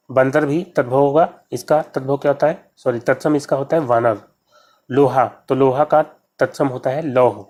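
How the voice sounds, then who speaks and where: A man's voice: mid-range voice, a little mellow. A man teaching exam questions, walking through each answer step by step and often repeating key words to his viewers. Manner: repetitive, addresses viewers as friends. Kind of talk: explaining quiz answers.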